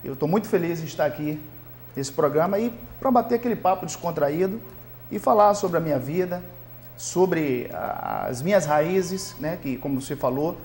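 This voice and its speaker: A man from Salvador, a singer guest on a TV interview show, speaking gratefully and modestly in relaxed chat. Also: fairly high pitch, moderate pace, slight background noise. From Salvador, Bahia, Brazil. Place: local TV studio.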